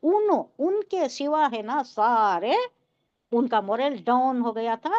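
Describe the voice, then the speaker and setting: A woman's voice: on the high side, lively intonation, darkish tone, no room sound, muffled recording. A woman teaching a Quran tafseer lesson, going through the Arabic word by word and quizzing her listeners as she explains.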